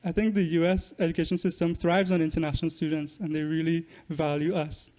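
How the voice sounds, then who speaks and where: A young podcast guest from Trinidad and Tobago, who studies and makes music, explains things in a casual interview. His slightly mellow voice sits on the high side, and his delivery is flat and brisk.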